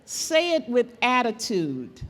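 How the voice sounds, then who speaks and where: A woman's voice: on the high side, wildly swooping pitch, slow pace, fairly bright tone. An older woman, a great-grandmother, preaching as guest speaker at a church, emphatic and repeating key phrases as she calls on the audience. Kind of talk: sermon.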